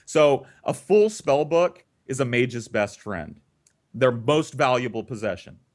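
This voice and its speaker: A storyteller and host with a mid-range voice speaks a little slowly, telling a comedic, casual story. He swears freely and animatedly acts out both sides of conversations.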